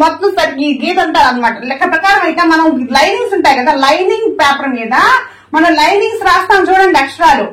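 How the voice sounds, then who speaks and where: A woman's voice: very high-pitched, fairly bright tone, reverberant. A woman teaching Hindi letters to her viewers, who keeps calling them friends and keeps pointing them to what she writes. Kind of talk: lesson in Telugu.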